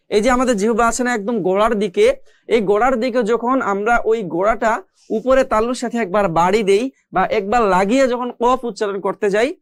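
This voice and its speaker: Guy teaching letter sounds real slow and patient, dry close sound. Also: high voice, no room sound. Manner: slow, patient, repeats each sound several times. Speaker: Quran recitation teacher. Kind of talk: recorded pronunciation lesson.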